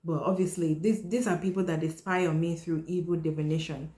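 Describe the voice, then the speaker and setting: A woman hosting a podcast, telling a personal story in a blunt, candid way and often dropping her voice low. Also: fairly even intonation, fairly quick, warm tone. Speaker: podcast host. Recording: roomy echo.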